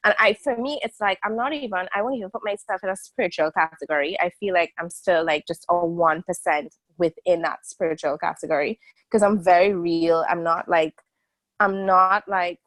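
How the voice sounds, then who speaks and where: A woman's voice: fairly low pitch, normal speed, a bit bright, dry recording, poor audio. Candid thirty-something woman on a video call. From a small island country. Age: 30s. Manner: candid, rambling, with many fillers and restarts. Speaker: interview guest. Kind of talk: casual video-call conversation.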